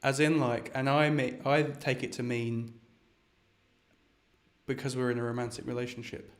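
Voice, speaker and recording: A man's voice: mid-range voice, little pitch movement, moderate pace. A young man chatting casually as host, hesitant and rambling with many restarts. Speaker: video chat host. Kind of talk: casual chat.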